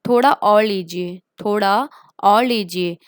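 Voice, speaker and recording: A woman with an Indian accent teaching everyday English phrases. She says each phrase twice, very slowly, then explains it quickly. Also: mid-range voice, clean tone, dry recording, studio quality. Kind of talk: spoken English lesson.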